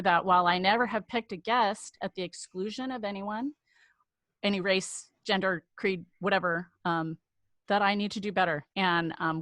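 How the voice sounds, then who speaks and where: A woman hosts a podcast in a slightly low voice, speaking earnestly but haltingly, with lots of ums and restarts. Her sound is dry and close, with no room around it. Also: a bit bright, dry recording. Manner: earnest, halting, with many fillers. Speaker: podcast host. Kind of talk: podcast interview.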